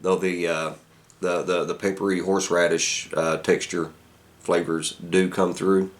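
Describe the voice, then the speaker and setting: Casting: man with a very low-pitched voice, casual reviewer, thinks aloud in halting phrases. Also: little pitch movement. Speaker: pipe tobacco reviewer.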